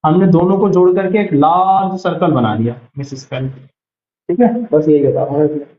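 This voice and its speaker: High-voiced man teaching shorthand in a roomy space. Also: moderate pace, dull audio. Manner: explains patiently, repeating each word as he writes it. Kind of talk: online lesson.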